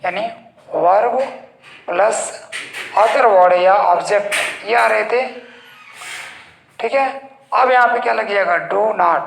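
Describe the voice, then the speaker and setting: A male English teacher giving a slow, explanatory grammar lesson in Hindi, posing rhetorical questions and answering them himself. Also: high voice, creaky, a bit bright. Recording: echoey room.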